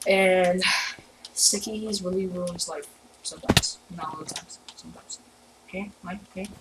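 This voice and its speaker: A woman giving casual gameplay commentary on her channel, chatty and excitable, jumping between loud outbursts and mumbled asides. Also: on the low side, normal speed. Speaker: gaming channel host. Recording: roomy, distant mic with loud background noise and keyboard clicks.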